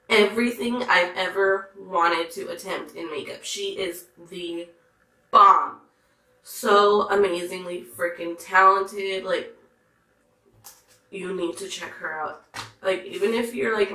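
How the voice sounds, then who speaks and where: A hoarse, congested woman talking in a chatty, gushing way, reviewing makeup. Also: medium pitch, steady tone, slow pace, fairly bright tone, roomy sound, low-quality recording. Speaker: beauty vlogger. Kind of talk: casual makeup review chat.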